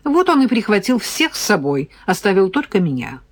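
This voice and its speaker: A woman's voice: mid-range voice, normal speed. A woman reading an audiobook, voicing a cheerful, chatty young woman who teases her friend. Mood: explaining. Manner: lively, chatty, playfully bossy. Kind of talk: audiobook character voice.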